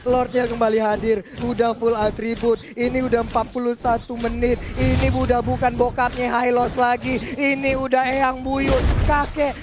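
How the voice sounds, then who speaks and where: A man with an Indonesian accent giving excited, exclamatory esports commentary as a co-caster, dropping English phrases into his talk. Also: very high-pitched, moderate pace, few pauses. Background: music.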